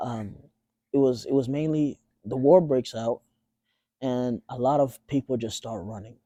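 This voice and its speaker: Relaxed young man with a dark voice. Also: medium pitch, no room sound. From Tanzania. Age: 20s. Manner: relaxed, halting, with many fillers and restarts. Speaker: guest. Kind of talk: casual interview.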